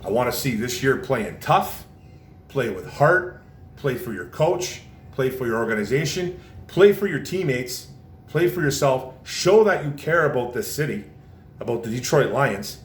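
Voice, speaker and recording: Passionate man ranting in an echoey room. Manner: passionate, repetitive, says "man" often. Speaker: vlogger. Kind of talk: casual sports rant. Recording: roomy echo, faint low rumble.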